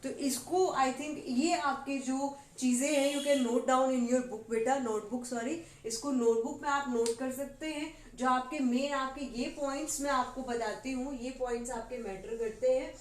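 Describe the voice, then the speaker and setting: High-voiced woman teaching English grammar. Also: fairly even intonation. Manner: explains in Hindi with English example sentences read slowly; keeps asking questions and says "ठीक है" often. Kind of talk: classroom grammar lesson. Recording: roomy with faint background noise.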